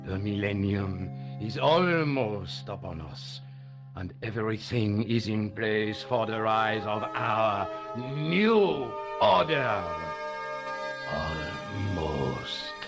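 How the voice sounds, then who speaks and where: The sinister grand master of a secret order in a video game. He has a very deep voice and speaks slowly and coldly, like a man who gives orders and expects them to be obeyed. Faint music plays under him. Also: lively intonation, heavily acted. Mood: commanding. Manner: slow, cold and commanding.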